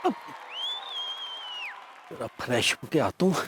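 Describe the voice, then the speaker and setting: An actor playing a short-tempered, jealous middle-aged husband who shouts and stammers. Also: male voice, medium pitch, big pitch swings, slow pace, crowd noise, background noise. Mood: blustering.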